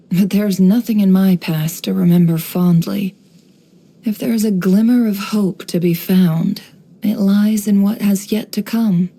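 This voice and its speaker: An actress voices video game lines for a sly, composed young woman who works as an intelligence broker. Her mid-range, warm voice is measured, coolly knowing and teasing.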